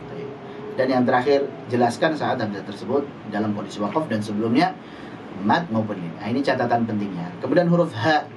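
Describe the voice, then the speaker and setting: A male recitation teacher in a live online class, patiently demonstrating Arabic letter sounds slowly and repeatedly. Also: medium pitch, recorded from a distance, noisy background.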